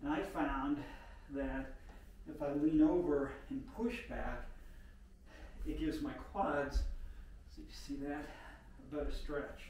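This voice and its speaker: A man's voice: a little high, slow, darkish tone. An older man talking casually while he demonstrates a home workout, unpolished and rambling, thinking aloud with plenty of fillers. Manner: talks while moving and exercising. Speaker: home exercise vlogger. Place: room in an older mountain home. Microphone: camera set back from the speaker. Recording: roomy home audio from a distant mic, faint hiss.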